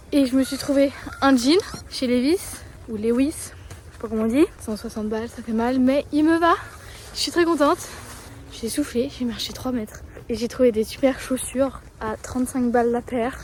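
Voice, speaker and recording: A woman's voice: a little high, steady tone, fairly quick, mellow, slight background noise. An eighteen-year-old woman vlogging in a casual, chatty way, informal and full of fillers and slang. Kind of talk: casual vlog chat.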